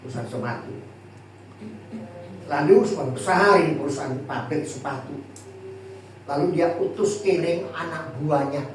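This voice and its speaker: A male pastor preaching a sermon to a congregation, lively and jokey, often asking them questions. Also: a little high. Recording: echoey hall from far off, faint noise.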